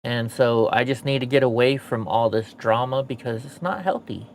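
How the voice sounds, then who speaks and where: Medium-pitched and at a normal speed, this man's voice carries a little hiss or hum. An American streamer and host missing his front teeth, he rambles candidly to his viewers, venting casually and swearing freely.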